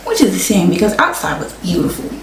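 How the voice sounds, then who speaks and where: A woman's voice: fairly low pitch, very animated, fast, slight background noise. A young woman chatting casually to her viewers, full of slang, talking straight to the camera. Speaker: vlogger. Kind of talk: casual chat. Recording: echoey room, mic at a distance.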